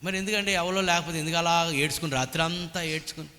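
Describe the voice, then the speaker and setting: Pastor guy preaching, high bright voice, long echo like a big church hall. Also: steady tone, fast. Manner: emphatic preaching, rhetorical questions, half-sung hymn lines. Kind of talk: sermon.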